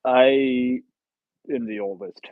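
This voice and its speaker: A man in his thirties hosts a relaxed livestream, joking and teasing himself as he chats with his viewers. The sound is thin and phone-like. There is hardly any room echo, so his voice comes across close and dry. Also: medium pitch, takes it slowly. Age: 30s. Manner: jokey, rambling, self-teasing. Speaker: livestream host. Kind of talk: casual livestream chat with viewers.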